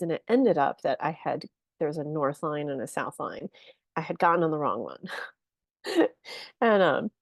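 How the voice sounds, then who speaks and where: This is a woman guest on a podcast, spinning a long personal story in an easy, animated way with plenty of fillers and laughs. Her voice sits fairly low, and the sound is dry and close. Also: no echo. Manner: animated, chatty, many fillers, laughs often. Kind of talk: casual storytelling.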